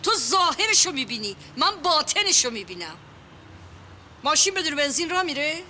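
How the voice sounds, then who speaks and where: A woman's voice: sits high, sing-song, bright, forceful tone, slight background noise, exaggerated voice. An actress playing a protective, fussing aunt and mother who lectures in folksy sayings. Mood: lecturing. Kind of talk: Persian TV comedy series acting.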